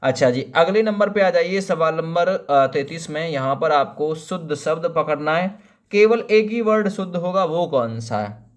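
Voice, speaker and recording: A man's voice: a little high, normal speed. A man teaching a spelling lesson for exam preparation, asking rhetorical questions, drawing out words letter by letter and calling viewers friend. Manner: explains each option, asks rhetorical questions; familiar, calls viewers friend and brother.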